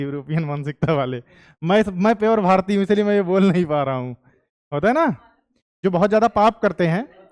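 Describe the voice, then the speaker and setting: In a high-pitched voice, a young Indian-accented man lectures his class on history, cracking jokes, quizzing students, and mixing Hindi with English. The audio is clean studio sound without room echo.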